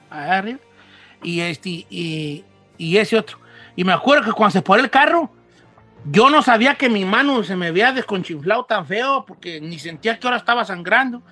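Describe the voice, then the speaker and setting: A man's voice: high voice, heavily acted. A man voicing a folksy old Mexican ranch man who hosts a radio show, with a Mexican Spanish accent, telling rambling comic stories and acting out the other people in them. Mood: wry. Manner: rambling, animated, acts out choking and the vendor's replies.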